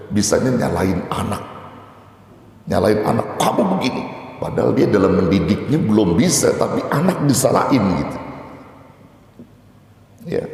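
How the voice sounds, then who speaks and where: A male preacher gives a colloquial, animated sermon, sometimes mimicking an annoyed voice. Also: lowish voice, creaky. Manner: colloquial, animated preaching with mock-angry quotes. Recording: very echoey hall.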